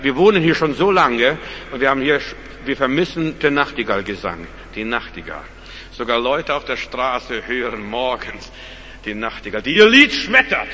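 A man preaching a sermon in a church, calling out loudly at times and then dropping to quiet, low asides. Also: long reverb tail, slight background noise. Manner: emphatic preaching, swinging between loud rising calls and quiet low asides. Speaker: pastor.

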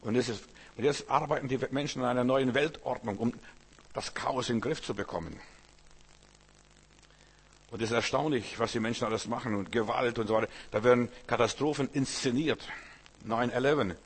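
Male preacher, slightly husky voice, sermon delivery, emphatic repetitions. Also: mid-range voice, a little fast, pauses often. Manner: emphatic repetition of short phrases.

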